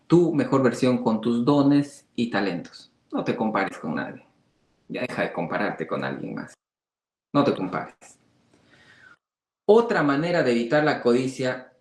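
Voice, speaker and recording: Guy teaching bible study in a chatty way, mid pitch, kinda echoey room. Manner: conversational, acts out quoted voices, rhetorical questions.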